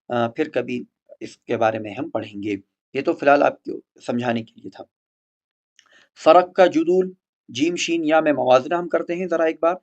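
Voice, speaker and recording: A man teaching the articulation of letters for Quran recitation, patient and methodical, repeating example words slowly. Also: a little high, a little mellow, highs cut off. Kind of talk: explaining letter articulation in a recorded lesson.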